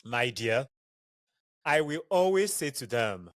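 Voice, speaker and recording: Young Nigerian man, podcast host, candid storytelling monologue, mid-pitched, dry booth sound. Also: slow, no room sound. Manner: chatty, digressive, candid and expressive. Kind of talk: casual personal storytelling monologue.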